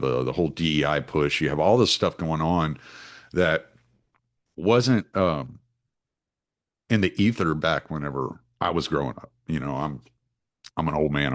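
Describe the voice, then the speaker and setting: Very deep-voiced man in his forties. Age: 40s. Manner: rambling, casual, frequent restarts and fillers. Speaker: podcast host. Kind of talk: solo podcast monologue.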